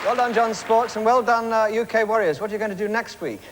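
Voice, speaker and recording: A man's voice: sits high, fast talker, very noisy. A man presenting a light entertainment contest as its host, addressing the voting viewers. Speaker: game show host. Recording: echoey hall, loud music and crowd.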